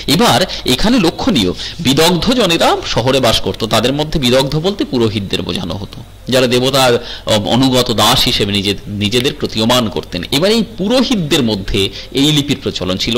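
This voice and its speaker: Lively, animated man teaching a lecture. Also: on the high side, slightly rough, low-quality recording. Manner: explanatory, asks the class "okay?" often; mixes in English terms. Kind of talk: recorded lecture.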